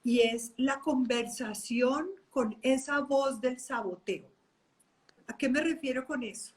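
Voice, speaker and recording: A woman life coach talking in a lively live chat, often acting out the inner voices she describes. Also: high voice, takes it slowly.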